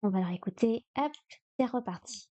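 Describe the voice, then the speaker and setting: A woman's voice: fairly high pitch, a little fast, dark tone, dry recording. A woman streaming a live study session, thinking aloud hesitantly with many fillers. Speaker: streamer learning Chinese.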